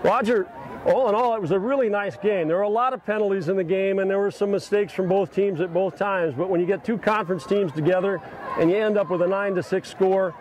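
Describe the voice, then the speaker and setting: A man's voice: high-pitched, brisk, darkish tone. A middle-aged man hosting a post-game football show outdoors at night on a headset mic, upbeat and reading sponsor plugs. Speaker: play-by-play host. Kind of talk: post-game sports commentary. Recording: outdoor noise behind.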